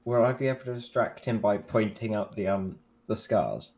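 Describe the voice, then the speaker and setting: A man's voice: on the low side, normal speed, darkish tone. A man playing a tabletop game, asking hesitant questions into a desk microphone. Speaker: player.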